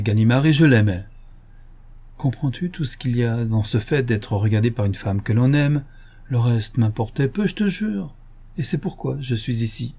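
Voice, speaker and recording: Un cambrioleur gentleman, raffiné et moqueur, lu par un homme, dans un livre audio. Il parle avec ironie et une assurance tranquille, d'une voix douce et un peu voilée. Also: medium pitch. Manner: ironic, playful and self-assured. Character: suave, mocking male gentleman burglar.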